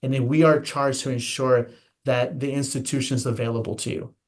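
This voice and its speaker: Here the American elections official, a guest in an interview, speaks a little fast at medium pitch with fairly even intonation. He lays out the voting steps earnestly and emphatically, repeatedly restarting and repeating phrases.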